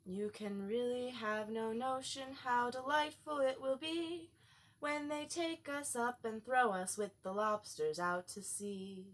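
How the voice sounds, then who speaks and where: A woman's voice: on the high side, steady tone, slow pace, voice pushed up. A woman voicing a mournful, sentimental turtle-like creature in a dramatic, lamenting storybook manner. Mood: singing slowly.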